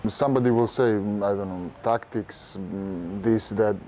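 During a casual interview in a large indoor arena, a young Croatian basketball player speaking Croatian into a lapel mic pauses and repeats words as he gropes for phrasing. His voice is fairly low, and the background is noisy.

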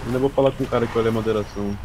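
A Brazilian man in a casual gaming chat, speaking extremely fast at an average pitch. Clear vehicle noise runs behind his voice. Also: steady tone, darkish tone. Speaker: player in an online roleplay game.

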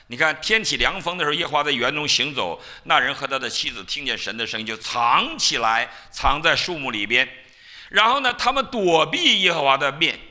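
A male pastor preaching a sermon in a church, telling stories in an animated way and acting out the lines of biblical figures. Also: fairly high pitch, a little fast.

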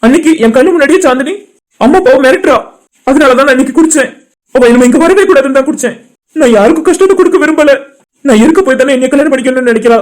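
A performer voicing a heartbroken, guilt-ridden young man in an animated cartoon drama, talking in a tearful, pleading way. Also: sits high, racing, natural voice. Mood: despairing.

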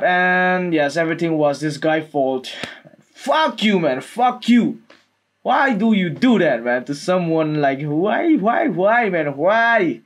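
A man gives casual reaction commentary in a halting, repetitive way, often saying "like" and "man". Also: on the high side. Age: 20s. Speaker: music video reactor. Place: small room indoors. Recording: music playing behind the voice. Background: music from the video being watched.

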